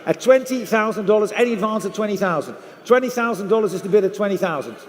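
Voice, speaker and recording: A man runs a live auction in a high voice. He repeats figures and bids again and again as he calls for the next one. His voice rings through a large, reverberant hall. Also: animated, quick pace. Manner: repetitive calling of numbers and bids. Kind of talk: live auction bid-calling.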